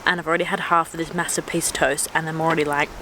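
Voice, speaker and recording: A woman's voice: deep voice, level tone, very fast, background noise. A young woman chatting upbeat on a casual travel vlog, talking to a camera held at arm's length. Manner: chatty and upbeat, describing food and sights. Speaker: travel vlogger. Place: outdoors and in a tea room, on the road.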